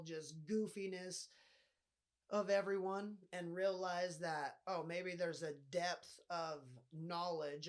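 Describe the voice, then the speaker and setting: A man with a nasal voice hosting a casual solo podcast, rambling and swearing often as he talks. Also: high-pitched. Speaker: podcast host.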